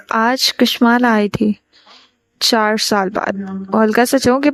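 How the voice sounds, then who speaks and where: Woman narrating a novel, fairly high voice. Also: darkish tone, no room sound. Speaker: audiobook narrator. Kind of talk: reading a novel aloud.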